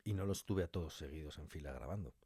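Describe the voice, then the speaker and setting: With a bass voice that's warm and breathy-edged, a man talks fast as a podcast guest about his work writing and directing audio fiction. He is emphatic and fond of acting out little quotes in the animated interview conversation, recorded with no echo.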